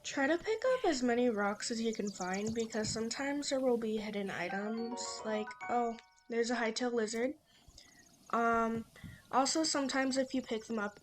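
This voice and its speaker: A woman's voice: fairly high pitch, a little hiss or hum. A young woman giving casual, instructive gameplay commentary as a let's play host, chatty and with many fillers.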